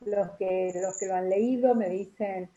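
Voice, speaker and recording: Woman, author guest, mellow voice, hesitant delivery, lo-fi video-call audio. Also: medium pitch, steady tone, a little slow. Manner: warm, hesitant with fillers.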